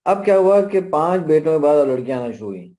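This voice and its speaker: A middle-aged man with a Pakistani accent, pitched a little high, leads a workshop in an easygoing, storytelling way. His tone is mellow and soft-edged. He often breaks off into asides. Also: sing-song. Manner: conversational, anecdotal, with frequent asides. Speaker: parenting workshop speaker. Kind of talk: workshop lecture.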